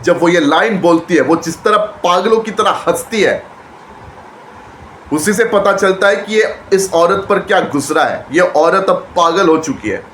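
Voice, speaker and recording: A man reviewing a movie trailer in casual chat, retelling scenes excitedly and often repeating and restarting his phrases. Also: sits high, unhurried. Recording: echoey room with faint background noise.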